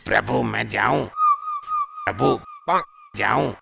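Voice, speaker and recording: A man voicing a gravelly old Santa figure in a comedy cartoon, put-upon and pleading in exasperation. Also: fairly low pitch, slow pace, noisy background, heavily acted. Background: loud background music.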